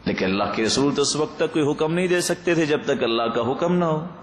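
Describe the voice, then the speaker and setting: A man's voice: a little high, expressive, slight background noise. Guy preaching a sermon, fired up, chants arabic bits, echoey room. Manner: impassioned, rising emphasis with chanted Arabic quotations.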